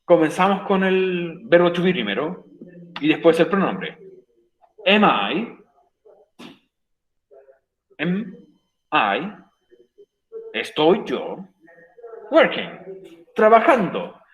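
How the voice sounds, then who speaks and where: Teaching an online English class over a computer mic, a man with a Chilean Spanish accent stresses and repeats each rule and checks in with students by asking "ok?". His voice sits a bit high for a man and is very animated, very slow and full of pauses. The audio is dull, roomy and echoey.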